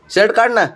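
A man talking to his pet cat in a coaxing, cooing pet-talk manner, gently pleading and scolding. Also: fairly high pitch, creaky, slight background noise.

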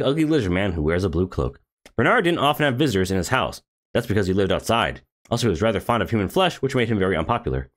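A man who streams games, reading a game story aloud with sarcastic asides. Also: medium pitch.

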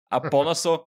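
A man hosting a gaming video with casual joking commentary, sarcastic and talking directly to the game character. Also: on the high side.

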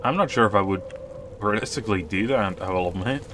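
A man's voice: lowish voice, quick pace, background noise. A man giving casual, offhand commentary while playing a survival video game. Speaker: gaming youtuber.

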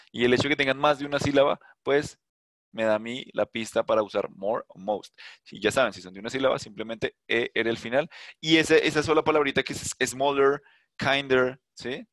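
A man teaching an online English class, walking students through grammar rules step by step. He repeats himself and checks in with quick rhetorical questions. His voice sits at a middle pitch, and the sound is dry and close to the mic. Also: a bit bright, dry recording.

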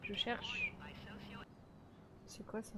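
A woman's voice: extremely slow, heavy background noise. A woman streamer talking casually and thinking aloud while playing a role-play game.

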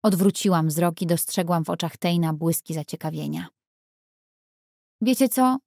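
A woman reading a first-person audiobook in a measured, even way on a close studio mic. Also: deep voice, creaky, no echo. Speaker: audiobook narrator.

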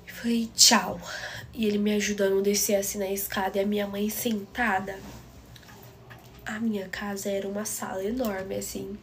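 A woman's voice: medium pitch, level tone, a little fast, darkish tone, a little hiss or hum. Emotional young woman telling a story. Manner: intense, dramatic, addresses listeners.

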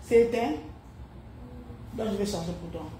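A woman talking casually to her viewers in an animated, exclaiming way. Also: mid-range voice, a little slow, recorded from a distance. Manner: animated, exclaiming, switching between two languages. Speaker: online commentator. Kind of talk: casual monologue to camera. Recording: roomy sound with faint background noise.

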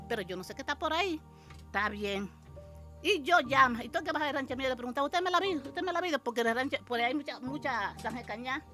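An older woman, animatedly telling an interviewer her story as a mother and acting out the shouts and quotes in it. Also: high-pitched.

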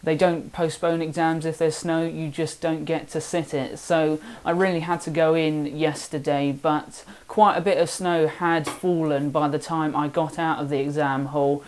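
Chatty seventeen-year-old southern English lad. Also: male voice, fairly high pitch, flat delivery, moderate pace, few pauses. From south of England. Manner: chatty, rambling, self-deprecating. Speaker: woodworking vlogger. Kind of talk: casual vlog voice-over. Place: home workshop.

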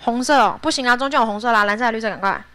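A woman teaching a high school English vocabulary class in a classroom, chatty and playful, laughing often and drilling pronunciation. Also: very fast, pushed and bright, clear, resonant tone.

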